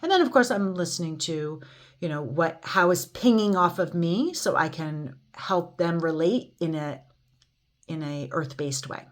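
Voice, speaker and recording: A woman's voice: on the low side, unhurried. A middle-aged woman talking earnestly to viewers about self-love, searching for her words with many fillers and restarts. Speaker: psychic medium speaking to viewers. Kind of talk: reflective solo talk.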